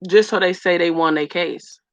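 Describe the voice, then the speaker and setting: A woman's voice: lowish voice, moderate pace, dry recording. A woman vlogger earnestly telling a personal story straight to her viewers, speeding up in bursts. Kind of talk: emotional personal storytelling to camera. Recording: dull lo-fi dry sound.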